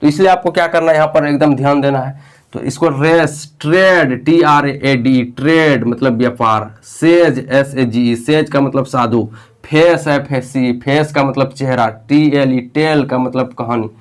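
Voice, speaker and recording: A man's voice: medium pitch, measured pace. A man teaching English spelling and pronunciation to learners, repeating words and spelling them out letter by letter. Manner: addresses viewers directly with frequent "okay".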